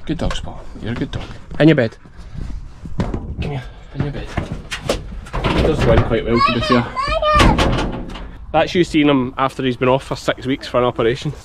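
This is a man from Scotland in his thirties, a sheep farmer with a broad accent, speaking at medium pitch and a little fast. He's doing a casual outdoor vlog in an open farm field, addressing a child and his sheepdog. The sound comes from an action camera held at arm's length and carries outdoor field noise.

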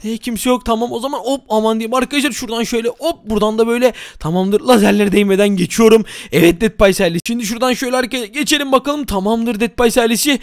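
A young man giving excitable running commentary on a game, often calling out to his viewers. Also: very high-pitched, fast, hardly any pauses, no room sound, studio quality. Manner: excitable, addresses viewers, frequent exclamations. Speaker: gaming YouTuber.

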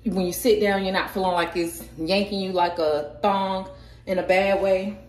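A woman's voice: mid-range voice, steady tone, normal speed, slight background noise. A young woman chatting casually to her viewers in a vlog from a store, using informal slang. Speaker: vlogger. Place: store and mall, indoors.

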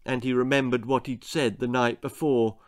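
An older man, the author himself, reads his children's story aloud in a small, book-lined room. His medium-pitched voice moves at normal speed, and the delivery is animated, theatrical, and dramatic.

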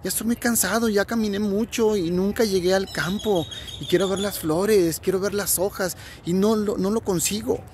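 A man voicing an emotional little boy in a children's story, with childlike, excited exclamations. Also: high voice, moderate pace, few pauses, noisy background, pitched above the performer's own voice, natural voice. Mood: tired.

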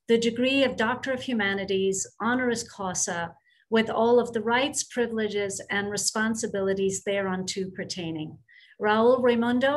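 A middle-aged woman speaking formally and deliberately as she confers an honorary degree over video. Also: medium pitch, rough recording. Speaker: university official conferring degrees. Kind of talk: formal ceremonial address.

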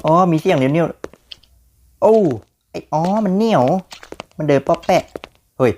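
A young man giving jumpy, excitable commentary on a horror game, often repeating words when startled. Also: fairly high pitch, a little slow, slight background noise. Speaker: gaming YouTuber.

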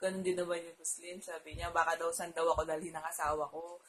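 A woman's voice: fairly low pitch, level tone, fast, fairly bright tone, low-quality recording. A Filipino woman vlogger telling a personal story to her viewers in a casual, chatty way, laughing often and trailing her phrases with fillers.

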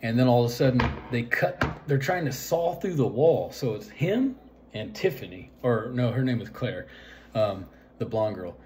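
A man's voice: medium pitch, expressive, moderate pace, background noise. A man casually retelling a film's plot in a rambling way, full of fillers and "right?" asides. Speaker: vlogger.

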